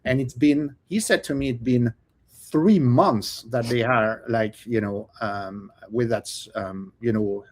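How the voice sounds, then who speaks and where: French-accented man, halting and chatty. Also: medium pitch. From France. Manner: hesitant, many fillers and restarts, laughs often. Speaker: podcast guest, cookbook author. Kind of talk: casual interview chat.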